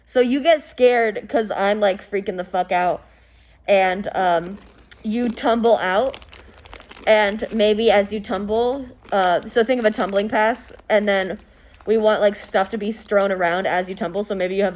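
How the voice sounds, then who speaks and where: A woman's voice: mid-range voice, a little slow, a little mellow. Rambling young woman planning a skit. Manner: rambling, filler-heavy, frequent swearing. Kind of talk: casual planning chat.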